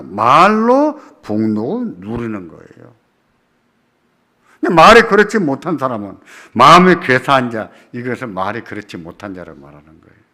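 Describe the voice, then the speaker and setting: A male pastor delivers a sermon with a lively, wide-ranging pitch and a bright, forceful tone. He poses rhetorical questions to his listeners and drives points home by repeating them. His delivery swings between emphatic loud lines and soft ones. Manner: asks the congregation rhetorical questions and repeats key phrases. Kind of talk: sermon at a church prayer meeting.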